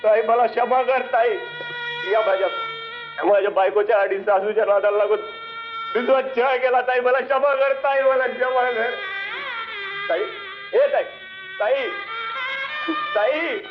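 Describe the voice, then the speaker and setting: A man's voice: high voice, flat delivery, brisk, natural voice. A man playing a sobbing remorseful brother. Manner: sobbing pleas. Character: remorseful brother begging his dead sister's forgiveness. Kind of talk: Marathi film melodrama acting. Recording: dull old film soundtrack with music.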